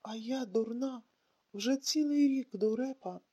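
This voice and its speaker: A woman's voice: a little high, unhurried, mellow, slightly rough. A woman reading an audiobook, voicing a bitter, wounded young woman who speaks with sarcasm.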